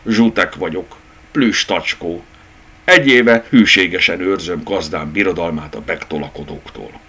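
A man's voice: sits low, bright, forceful tone, husky, heavily acted. A man voicing a grumpy plush dachshund who growls and scolds, in a children's storybook reading. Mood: grumbling. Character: grumpy plush dachshund toy guard, male.

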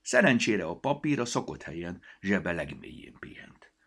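A man reading a children's story aloud, expressive and quiet in the narration. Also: sits low, husky.

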